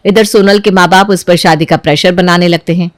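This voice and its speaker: A woman narrating an animated family story in a plain storytelling voice. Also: fairly low pitch, fairly quick, no room sound, clean studio sound.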